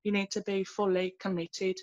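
A woman tells her faith story over a webcam call from a small room at home. She speaks earnestly but haltingly, restarting often, with a flat and even tone in a dry, close sound. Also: medium pitch, no room sound, highs cut off. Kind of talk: personal testimony in a video call. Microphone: laptop webcam on a video call.

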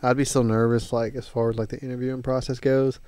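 A man's voice: medium pitch, level tone, fast, darkish tone, clear, resonant tone, dry recording. A young man co-hosting a podcast in casual chat, easygoing and joking. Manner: easygoing, joking, short agreeing replies. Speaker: podcast co-host.

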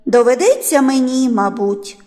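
A cheerful, hardworking storybook rooster calls out loudly in a lifted, lively voice, as a woman puts him on. The voice is slightly raised and ringing. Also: high voice, measured pace, long reverb tail. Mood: patient. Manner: bright, calling out loudly.

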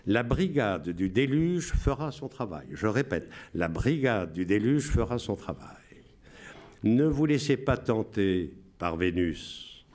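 A solemn wartime radio announcer, put on by a man in his seventies, declaims coded messages in a raised, lively voice. Each short phrase comes out measured and emphatic, then is repeated word for word. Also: fairly low pitch. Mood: declaiming.

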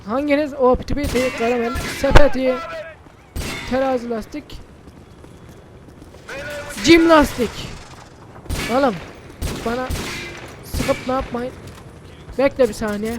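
A male gaming host giving casual gameplay commentary, brash and excitable, swearing and shouting at the characters on screen. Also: extremely high pitch, slow pace, pauses often, background noise. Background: game music.

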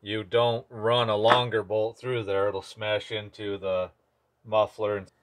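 At an indoor workshop bench, a chainsaw mechanic who hosts videos works through a relaxed hands-on demo, offhandedly dropping short phrases. His pitch sits fairly low and barely moves, his pace is unhurried, and his tone is fairly bright. Clicking tools and background noise come through on a clear recording.

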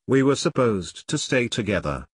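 A man's voice: mid-range voice, very animated, normal speed, slightly rough. A man reading as a breathless resistance fighter. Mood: scolding. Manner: scolding, breathless.

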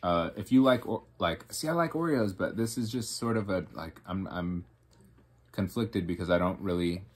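A man with a low, husky voice gives a casual snack review. He rambles and halts, restarting his sentences and mumbling as he works out his opinion. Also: normal speed. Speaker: co-host tasting food.

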